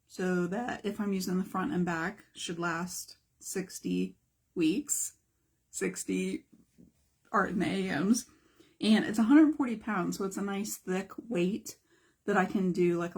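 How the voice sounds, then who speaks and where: A woman's voice: mid-range voice, darkish tone, breathy edge. A middle-aged woman art teacher giving a chatty live-streamed lesson and greeting viewers as she goes.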